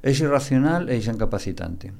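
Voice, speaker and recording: Older guy, gravelly voice, psychiatrist lecturing on a podcast, hammers key words over and over. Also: mid-range voice, big pitch swings, moderate pace, warm tone. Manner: didactic, repeats key words for emphasis. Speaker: psychiatrist guest. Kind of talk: explanatory podcast interview.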